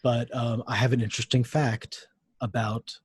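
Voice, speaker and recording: A man's voice: mid-range voice, level tone, moderate pace. A young adult man co-hosting a podcast in casual chat, making dry, wry remarks. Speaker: podcast co-host.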